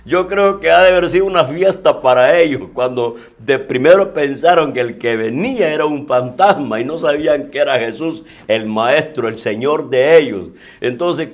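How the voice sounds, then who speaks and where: A man preaching a sermon as pastor, emphatic and repetitive, swinging between loud declarations and hushed asides while addressing his listeners as brother. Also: on the high side.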